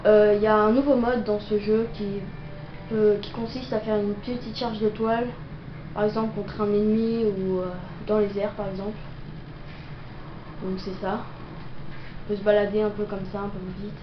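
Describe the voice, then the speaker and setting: Coughing through a cold, a young gameplay video maker ad-libs her commentary in a level, mid-range voice at a moderate pace. She's hesitant and leans heavily on fillers. The recording sounds roomy, noisy, dull and lo-fi.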